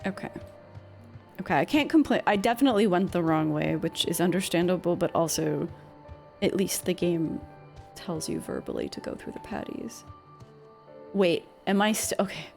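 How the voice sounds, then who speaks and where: Lively, creaky-voiced woman streaming a game. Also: on the low side, moderate pace, faint music behind. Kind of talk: casual gameplay commentary.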